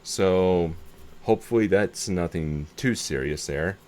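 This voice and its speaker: In a slow, low, darkish voice, a hobbyist mutters and thinks out loud while repairing a radio on video. His unscripted show-and-tell is relaxed and hands-on. The camera microphone gives a clear recording that still carries background noise and ambience.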